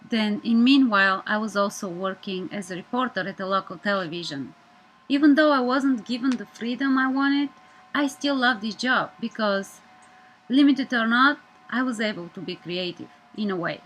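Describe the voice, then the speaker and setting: A Bulgarian woman in her thirties, a media student, gives an earnest, measured personal presentation in English with a Bulgarian accent. Her voice is mid-range, and the recording quality is low.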